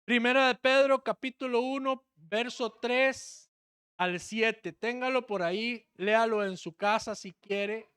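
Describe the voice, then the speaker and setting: A man's voice: very high voice, fairly even intonation, a little slow, a bit bright, clear, resonant tone. A Costa Rican man, a pastor, giving an impassioned sermon in a church and putting questions to the congregation. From Costa Rica.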